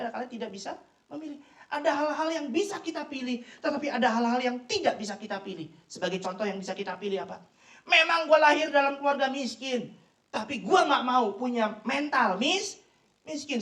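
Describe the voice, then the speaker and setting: A woman preaching a sermon, animated and emphatic, with joking asides. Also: a little high. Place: office worship room. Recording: echoey room, mic far off.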